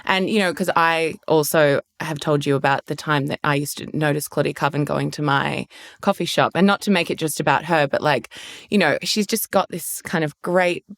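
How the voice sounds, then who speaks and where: A woman with a low voice hosts a relaxed interview, chatty and encouraging with a casual swear now and then. Her voice is dry and close to the mic. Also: moderate pace, creaky, no echo. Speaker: podcast host.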